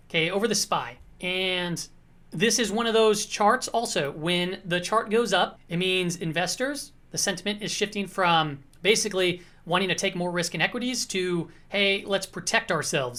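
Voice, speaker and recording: A slightly hoarse woman hosts a casual market commentary, walking through charts conversationally and often checking in with the viewer. Her voice sits lowish, with a fairly bright tone.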